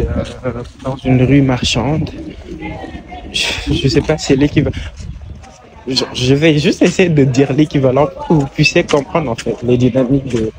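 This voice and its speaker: A travel vlogger, a young man with a mid-range voice, chats casually while walking crowded city streets with his handheld camera. His narration is hesitant, with thinking aloud and restarted phrases, set against a backdrop of outdoor street and traffic noise.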